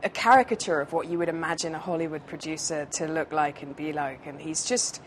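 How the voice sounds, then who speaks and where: A woman's voice: low voice, fairly even intonation, a little fast, a little hiss or hum. A British woman, an actress, chatting casually in an interview, rambling with many fillers and restarts. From United Kingdom.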